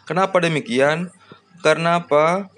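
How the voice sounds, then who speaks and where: Guy teaching farmers about fertilizer stuff, voice a bit high, says ya and namanya a lot. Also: moderate pace, fairly bright tone, slight background noise. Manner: addresses farmers as "Bapak Ibu", frequent "ya" and "namanya" fillers. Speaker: farming channel host. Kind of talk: explanatory farming lesson.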